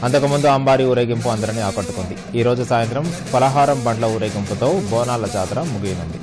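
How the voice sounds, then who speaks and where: A man's voice: mid-range voice, fast, music in the background. A man reading a scripted news report as a voice-over narrator.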